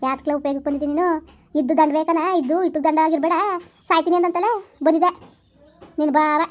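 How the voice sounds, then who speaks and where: A woman playing a sharp-tongued village wife who scolds her husband in a rapid, furious rush, in a comedy skit. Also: high-pitched, little pitch movement, close to an everyday voice. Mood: scolding. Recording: muffled lo-fi sound.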